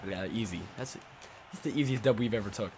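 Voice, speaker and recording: A young man giving casual, excitable commentary while playing a game, swearing and shouting at plays. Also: fairly low pitch, brisk, slight background noise. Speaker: gameplay streamer.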